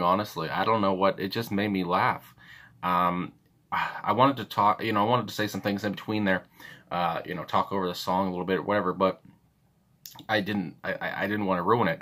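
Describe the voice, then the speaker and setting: Low-voiced man rambling casually. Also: brisk, pushed and bright. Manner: rambling, hesitant, many fillers and restarts. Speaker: music reaction channel host. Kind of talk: casual unscripted commentary.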